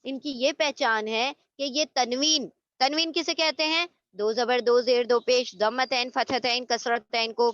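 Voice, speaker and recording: A woman's voice: a little high, steady tone, few pauses, fairly bright tone, dry recording, highs cut off. A woman teaching an online Arabic grammar lesson, explaining patiently and repeating each term, with English words mixed into her speech.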